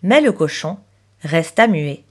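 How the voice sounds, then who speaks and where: A woman in her thirties with a gentle, expressive manner, narrating a children's story as the host. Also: deep voice, slow.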